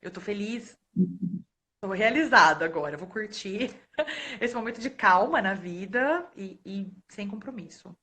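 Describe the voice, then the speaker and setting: A woman in her thirties from Brazil, a librarian telling stories in a relaxed way, laughing often and acting out the voices of the people in them. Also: medium pitch, a little slow. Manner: animated, laughs often, acts out quoted voices. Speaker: guest speaker, librarian. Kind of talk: casual storytelling in a live talk. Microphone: phone or webcam on a live stream.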